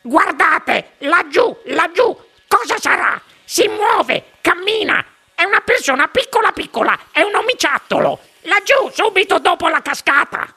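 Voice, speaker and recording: A man voicing a spoiled young girl in an audiobook, shouting frantically. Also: very high voice, sing-song, a little slow, pitched above the performer's own voice, full character voice. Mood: frantic.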